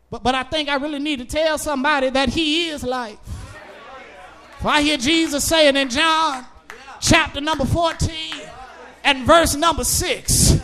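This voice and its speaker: A man preaching with a strikingly high, gravelly voice that rings forceful and tense. He delivers in a slow, drawn-out sermon cadence, shouting and half-singing his lines and driving each point home through repetition.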